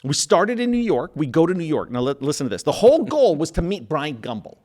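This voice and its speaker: A man's voice: on the high side, sing-song, brisk, darkish tone. A man in his fifties from Minnesota, hosting a podcast and telling a story casually, acting out the quotes and laughing often. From Minnesota, USA. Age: 50s. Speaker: podcast host.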